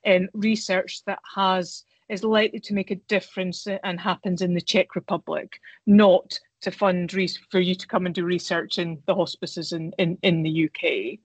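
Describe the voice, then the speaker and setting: A woman's voice: on the low side, steady tone, moderate pace, few pauses, slightly rough, no echo. A woman fielding questions in a webinar, talking with frequent ums and restarts. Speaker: academic panelist hosting a webinar. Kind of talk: webinar Q&A talk.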